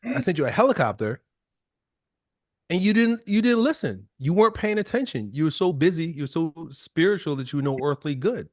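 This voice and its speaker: A man's voice: a little high, sing-song, brisk, dry recording, studio quality, pitched above the performer's own voice. A man voicing an exasperated God who scolds a stubborn man in casual slang, inside a retold joke story.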